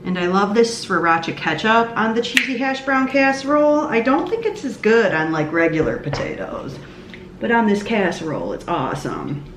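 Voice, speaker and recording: A woman's voice: mid-range voice, sing-song, moderate pace, noisy background. Chatty woman food vlogger, echoey kitchen. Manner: chatty, laughs often. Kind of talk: casual food vlog narration.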